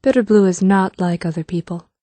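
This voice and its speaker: A man's voice: high-pitched, brisk, dark tone, no room sound, voice pushed up, close to an everyday voice. A man voicing a blunt, determined young woman warrior in an audiobook, speaking earnestly and directly. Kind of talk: audiobook character voice.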